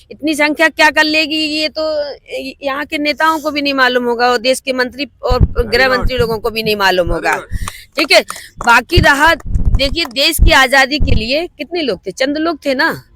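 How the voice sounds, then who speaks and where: A woman's voice: high-pitched, bright, forceful tone. A woman protester speaking with determined defiance.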